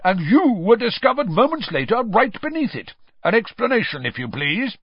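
A man's voice: fairly high pitch, very animated, a little slow, no echo, dull audio, pitched above the performer's own voice, heavily acted. A man voicing a stern, accusing wizard official in an audiobook, pompous, barking and interrogating. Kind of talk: audiobook character voice.

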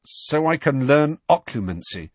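A man's voice: medium pitch, big pitch swings, unhurried, no room sound, pitched above the performer's own voice. A man voicing a defiant teenage boy who answers stiffly and curtly. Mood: sullen. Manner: stiff, curt.

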